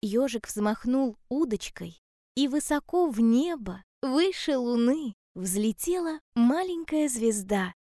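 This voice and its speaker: A woman telling a children's story in a calm, gentle and measured way. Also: a little high, no room sound, studio quality.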